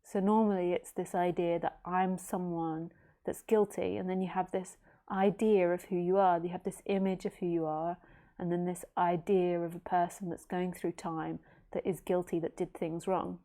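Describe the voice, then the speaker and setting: A woman's voice: lowish voice, flat delivery, normal speed, mellow. A woman in her late thirties, a spiritual teacher giving a casual philosophical talk in a rambling, easygoing way with jokey asides. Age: late 30s.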